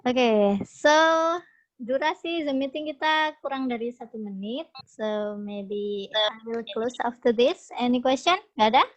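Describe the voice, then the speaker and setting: A woman's voice: fairly high pitch, measured pace. Chatty woman teacher on a video call. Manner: chatty and encouraging, laughs often. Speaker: English teacher. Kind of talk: casual online class talk mixing English and Indonesian. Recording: dull lo-fi video call audio.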